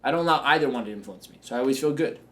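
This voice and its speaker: A business coach hosts his own show, delivering motivational talk in a confident, upbeat, joking manner. His mid-range voice comes out rapid-fire.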